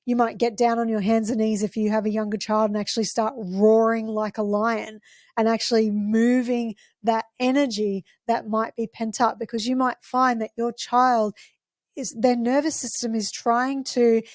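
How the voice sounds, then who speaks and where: A woman hosting a parenting podcast, explaining gently and using examples. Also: a little high, little pitch movement, normal speed, dry recording, clean studio sound.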